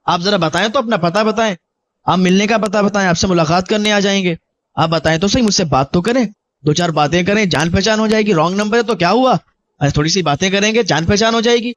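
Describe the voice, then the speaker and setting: A man's voice: high voice, muffled recording, natural voice. A man voicing a pushy young male prank caller coaxing a stranger to chat. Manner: insistent, coaxing.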